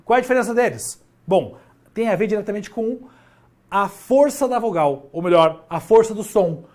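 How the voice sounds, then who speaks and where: Animated male teacher with lively pitch. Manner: animated, drawn-out emphasis on key words, talks to himself. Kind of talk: lively grammar lesson.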